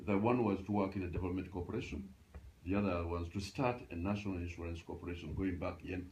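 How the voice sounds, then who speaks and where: Very deep-voiced man in his eighties. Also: slight background noise, poor audio. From Uganda. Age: 80s. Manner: halting, restarts often, animated when recalling. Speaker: interviewee, grandfather. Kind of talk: casual reminiscing interview. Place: grandparents' house, indoors.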